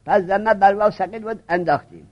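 A man's voice: high voice, lo-fi sound. A man teaching a grammar class, questioning his students and repeating points until they get them.

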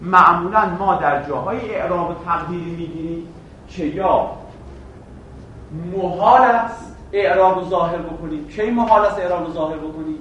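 A man's voice: sits high, a bit bright, distant mic, lo-fi sound, slight background noise. Man lecturing in a very echoey room. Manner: asks the class questions and answers them himself; stretches out example words slowly. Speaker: Arabic grammar teacher. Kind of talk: classroom lecture.

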